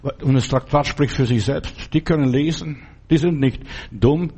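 A man's voice: medium pitch, measured pace, warm tone, husky. A man preaching a sermon and reading a Bible story, talking in an earnest, fatherly way straight to the listener.

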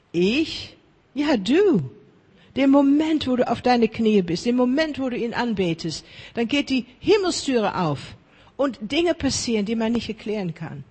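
A woman preaching a sermon in lively, chatty talk, often checking in with her listeners, with slightly broken grammar. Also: fairly high pitch, slightly rough, in a large hall.

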